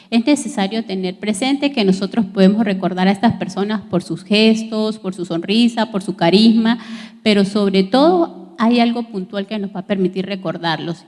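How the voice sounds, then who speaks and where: Woman teacher, fairly high voice, measured lecture delivery with fillers, long reverb around her. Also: a little mellow. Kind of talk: recorded class lesson.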